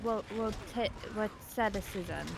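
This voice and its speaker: A woman chats casually during a game stream. Her speech impediment makes her R's come out like W's, and her sh and ch sounds can be a little soft. Faint noise sits behind her voice. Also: mid-range voice, moderate pace, creaky.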